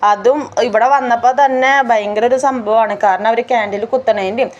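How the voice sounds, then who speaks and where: Fast-talking woman from Kerala. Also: on the high side, steady tone, darkish tone, lo-fi sound. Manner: chatty, tells the story step by step. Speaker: family vlogger. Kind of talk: casual voice-over narration.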